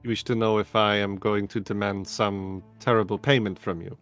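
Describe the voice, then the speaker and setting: A man voicing a polite, formal wizard who speaks in old-fashioned phrasing, in a low voice. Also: fairly even intonation, moderate pace, fairly bright tone, smooth, soft background music. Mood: courteous. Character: courteous, formal male wizard, middle-aged.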